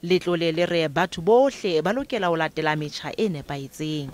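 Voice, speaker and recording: Casting: high-register man, Sotho accent from South Africa, narrating scripted news packages. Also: fast talker, noisy background. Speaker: news reporter.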